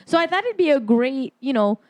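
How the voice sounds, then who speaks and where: A woman's voice: sits high, animated, brisk, no room sound. A woman around forty hosting a casual podcast chat, telling stories with laughs and animation. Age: 40s. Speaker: podcast host.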